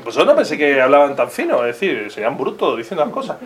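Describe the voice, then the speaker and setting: A man's voice: fairly high pitch, fast. A man with a Spanish accent teaching a religious class informally, full of rhetorical questions and acted-out voices. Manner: animated, asks many rhetorical questions, acts out quoted voices. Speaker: catechist.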